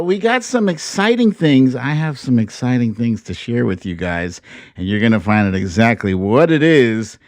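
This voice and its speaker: Playful and jokey, an American man in his fifties hosts a casual live online show, stretching words out theatrically. His voice is a little high, captured with clean studio sound and no echo.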